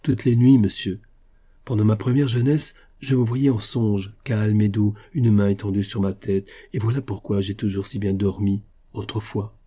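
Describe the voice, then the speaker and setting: A man's voice: lowish voice, fairly even intonation, normal speed, dark tone, slightly rough. Earnest young nobleman son, read by a man.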